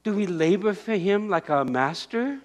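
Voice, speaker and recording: The pastor, an older man with a high-pitched voice, preaches at normal speed in the church sanctuary. Moving as he talks, he raises his voice in bursts, shouting dramatized crowd voices and pointing.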